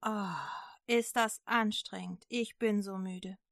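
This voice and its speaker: A woman's voice: mid-range voice, fairly even intonation, slow, creaky, a bit bright, no room sound, clean studio sound. A woman voicing a worn-out male prophet who talks in earnest, sighing pleas. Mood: earnest weary.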